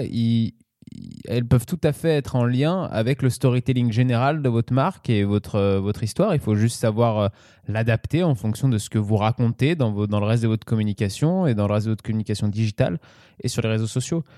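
A man explains his points on a casual podcast and addresses the audience directly. His voice is mellow and dark, recorded dry and close. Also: on the low side, dry recording.

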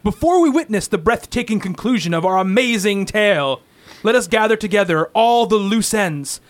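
A man's voice: high-pitched, expressive, normal speed, no echo. A man narrating a comic-book radio play in a melodramatic, suspenseful scripted style. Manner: dramatic, suspenseful.

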